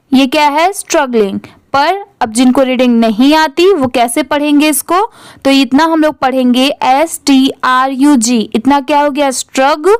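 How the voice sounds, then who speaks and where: A woman's voice: high-pitched, no room sound. A woman teaching English reading, spelling words out letter by letter and answering her own questions.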